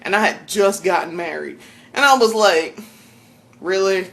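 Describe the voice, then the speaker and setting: A young South Carolina woman with a thick Southern drawl chats loosely while cooking in her home kitchen for a casual vlog, laughing often, swearing freely, and filling in with lots of ums. Her mid-range voice is creaky and unhurried.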